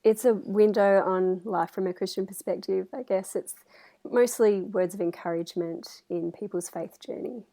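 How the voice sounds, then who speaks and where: A woman's voice: mid-range voice, fairly even intonation, moderate pace, dark tone. A woman talking casually as a podcast guest over a video call. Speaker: podcast guest, writer and communications specialist. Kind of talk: casual interview chat.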